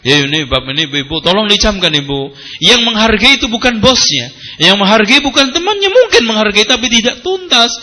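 Bright, animated preacher man. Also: high-pitched, brisk. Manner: animated, jokes with the audience, quotes Arabic. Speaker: Islamic preacher. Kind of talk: sermon with humor.

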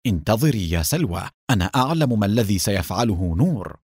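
A man doing a calm, reassuring young sidekick. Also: lowish voice, fairly quick, breathy edge, no echo, clean studio sound.

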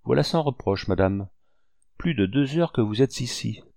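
A man's voice: medium pitch, expressive, moderate pace, vocal fry, dark tone, no echo, studio quality, voice pushed up. A man reading a novel aloud and voicing a blunt, good-natured hunter who speaks jovially. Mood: bluff. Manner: bluff, jovial. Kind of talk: audiobook reading.

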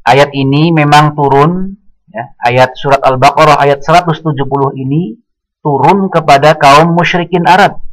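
A man giving a religious study lecture, speaking in a measured way and quoting Arabic passages. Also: fairly high pitch, low-quality recording. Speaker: Islamic teacher.

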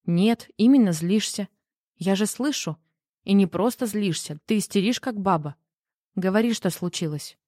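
A woman's voice: medium pitch, normal speed, warm tone, no room sound, studio quality, natural voice. A woman reading the part of a worried, teasing wife who keeps pressing with questions in an audiobook. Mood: needling. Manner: pushy, needling questions.

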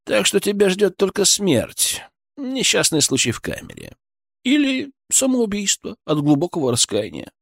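A man's voice: high voice, huge pitch swings, moderate pace, creaky, dry recording, studio quality, voice pushed up, heavily acted. A man reading an audiobook and voicing a cocky young thug posing as a police sergeant, with lazy, slangy, drawling menace. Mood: menacing. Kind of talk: audiobook character voice.

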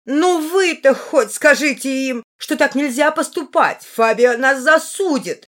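Woman doing a hysterical talking parrot, high, screechy, storybook. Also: expressive, unhurried, a bit bright.

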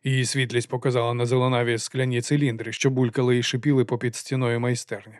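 A man narrating an audiobook in a calm, even reading voice. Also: mid-range voice, fast, dry recording, clean studio sound.

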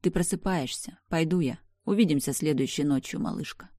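Woman narrator doing a tender dream-brother, quiet, mellow, low. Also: fairly quick, dry recording, studio quality. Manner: soft, calm and affectionate. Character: gentle, tender young brother, a ghost in a dream. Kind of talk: audiobook reading.

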